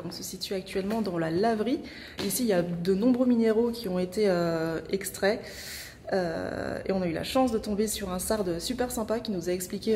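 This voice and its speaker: A woman's voice: medium pitch, mellow. Hesitant woman vlogging outdoors. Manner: hesitant, many filler sounds. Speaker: travel vlogger. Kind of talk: casual travel vlog to camera. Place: outdoors at travel sites. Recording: outdoor camera audio with background noise.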